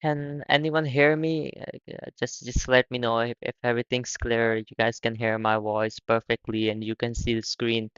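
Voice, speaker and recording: A young man from Pakistan chats casually on a live stream, stumbling and repeating words as he goes. His voice is smooth and close, with no room sound, though the audio is a little dull. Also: medium pitch, level tone, a bit bright, no room sound. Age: young adult. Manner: halting, repeats words often. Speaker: livestream host.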